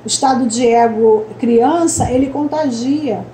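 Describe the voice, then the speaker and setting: A middle-aged woman coach teaches in a high, clear voice, explaining each idea step by step and tagging her sentences with short questions to her listeners. She sounds roomy, recorded with echo and a faint hiss of background noise. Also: unhurried, warm tone. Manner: explanatory, frequent tag questions. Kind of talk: online coaching lesson.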